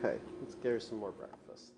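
A man, a new father in a hospital room, chatting gently and chuckling as he coos over his newborn. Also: lowish voice, very animated, fast talker, vocal fry. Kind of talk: casual home video chat. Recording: noisy home video.

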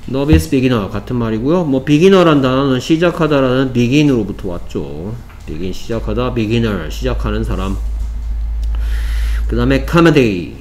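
A man's voice: mid-range voice, animated, slow, a little mellow. Male English teacher, patient and repetitive, vocabulary lesson, faint room noise. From South Korea. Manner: explains step by step, repeats words, says "okay" often.

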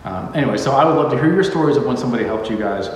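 A man's voice: medium pitch, lively intonation, racing, slight background noise. A man casually explaining house building and flooring in a rambling, joking way, recorded in a bare house under construction. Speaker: home builder vlogger. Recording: echoey empty room, mic far off.

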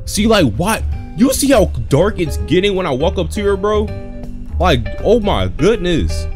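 A young man streams a horror game, scared and jumpy. His voice sits on the high side and swings wildly in pitch as he rattles off slangy, casual reactions. Game music plays behind him. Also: big pitch swings, unhurried, a little mellow. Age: young adult. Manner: slangy, says "bro" constantly. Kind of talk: casual reactive gameplay commentary. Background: game music and sound.

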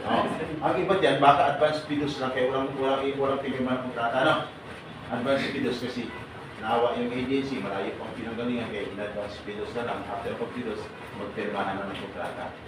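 A man's voice: mid-range voice, steady tone, brisk, recorded from a distance. Man lecturing in an echoey hall. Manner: teasing, questions the audience, acts out their replies. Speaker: seminar speaker for departing overseas workers. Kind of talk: lively seminar talk to a crowd. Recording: echoey room, voice from afar, noisy.

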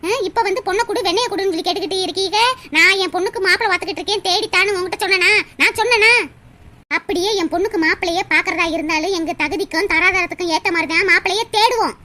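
A woman voicing a proud, sharp-tongued village mother in a cartoon. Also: very high-pitched. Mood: angry. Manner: scolding, haughty and rapid. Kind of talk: cartoon voice acting.

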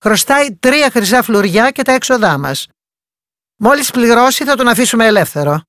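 A woman's voice: fairly high pitch, expressive, fairly bright tone, no echo, studio quality, pitched above the performer's own voice. A woman voicing a stern, matter-of-fact gendarme in a bedtime story. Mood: curt. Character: stern gendarme, curt and official.

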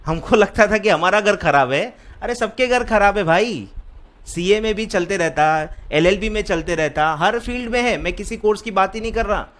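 A CS exam mentor from Maharashtra, India, lectures computer science students in a high-sitting, slightly bright voice at a moderate pace. He scolds them with rhetorical questions and keeps asking whether they follow.

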